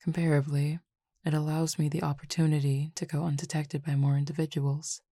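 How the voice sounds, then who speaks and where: In an audio roleplay, a woman plays a languid cupid who feeds on desire, addressing the listener in a deep, husky, gravelly murmur. Her formal, measured delivery is flat and barely rises or falls, carrying a quiet teasing edge. The recording is close and dry, with no room sound.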